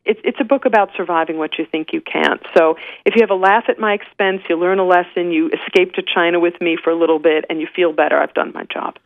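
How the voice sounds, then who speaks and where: A woman's voice: lowish voice, steady tone, quick pace, hardly any pauses, no echo. A woman author with a Canadian accent, chatting as a guest in an interview, self-deprecating and full of restarts. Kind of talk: phone-in interview. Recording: tinny phone line.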